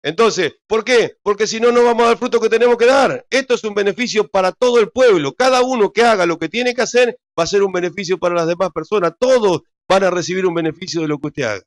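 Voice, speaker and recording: A man's voice: high voice, fast, few pauses. A man preaching a sermon as pastor, retelling scripture in a conversational way and speaking straight to his congregation.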